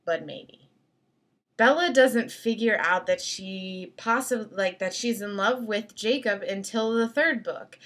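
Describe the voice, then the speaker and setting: A young woman talks in a casual, opinionated vlog style with a middle-of-the-road pitch. Her delivery is animated and slangy, leaning hard on words for emphasis and slipping into mock quotes. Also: a little slow, hardly any pauses. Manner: slangy, emphatic, exasperated asides. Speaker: video blogger reviewing film clips.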